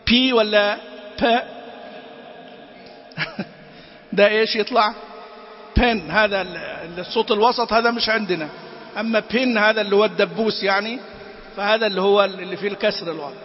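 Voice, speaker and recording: High-voiced man teaching Quran recitation. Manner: demonstrates sounds by chanting, then corrects with quick asides; quizzes listeners with short questions. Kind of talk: tajweed lesson. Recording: roomy reverb, dull lo-fi sound.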